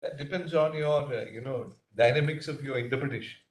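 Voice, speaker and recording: Indian judge questioning with hesitant fillers. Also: male voice, mid-range voice, fairly quick. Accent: Indian English. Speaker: judge on the bench. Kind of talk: courtroom questioning. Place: courtroom. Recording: echoey courtroom audio.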